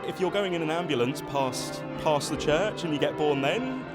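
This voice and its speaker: Male local guide, casual, loud music under speech. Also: fairly high pitch, lively intonation, normal speed.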